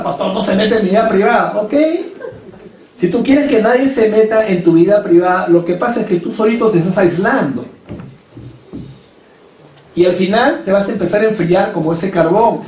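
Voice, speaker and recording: A man's voice: high-pitched, dark tone, slight background noise. A male pastor delivering a sermon, pressing his points with emphatic rhetorical questions. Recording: echoey hall, mic at a distance.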